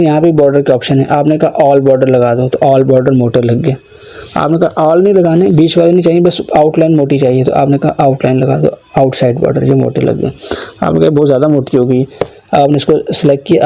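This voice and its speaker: A man teaching a computer course, explaining each step of a screen-recorded software tutorial and voicing the learner's requests himself. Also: a little high, fairly even intonation, fairly quick, creaky.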